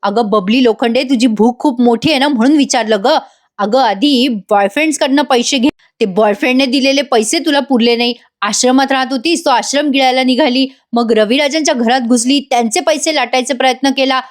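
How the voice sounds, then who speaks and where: A woman puts on a sarcastic young man mocking a greedy swindler. His taunts come in a high voice. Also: fairly quick, lightly acted.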